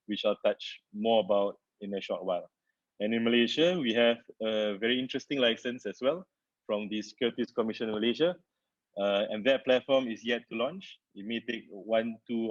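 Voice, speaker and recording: Male founder, lower voice, halting webinar delivery full of fillers, dry muffled home-mic sound. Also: no echo. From Singapore. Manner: halting, with frequent "uh" fillers and restarts. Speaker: company founder presenting a webinar. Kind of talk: webinar presentation. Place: his home. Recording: dull, dry webinar audio.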